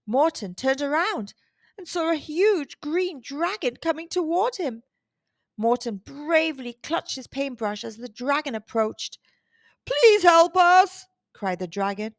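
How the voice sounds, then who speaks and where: A woman hosting a children's storytime, reading aloud expressively with deliberate, dramatic emphasis. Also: high voice, no echo, studio quality. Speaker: children's storytime host and narrator.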